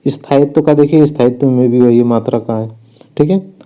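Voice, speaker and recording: This exam coach speaks a little fast in a warm, mid-range voice as he works through spelling and sentence corrections for his students, adding "theek hai" after every point.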